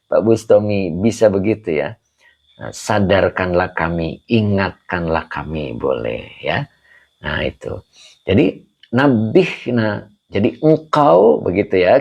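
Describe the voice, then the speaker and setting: A man's voice: lowish voice, gravelly, darkish tone, lo-fi sound. A man giving a live-streamed religious lesson, patiently explaining Arabic grammar and reading out viewer comments as he quizzes them. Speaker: Islamic teacher.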